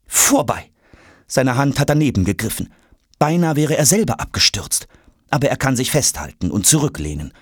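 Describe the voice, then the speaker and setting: Guy reading a kids storybook, really expressive, bit husky, dry close sound. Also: mid-range voice, no echo. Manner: expressive, dramatic. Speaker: audiobook narrator. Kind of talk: scripted storybook narration.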